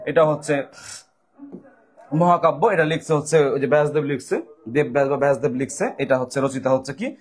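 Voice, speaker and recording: A man's voice: fairly high pitch, darkish tone. A man with a Bangladeshi Bengali accent, tutoring for university admission exams, drilling students with repeated questions and answers. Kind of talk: lecture solving exam questions.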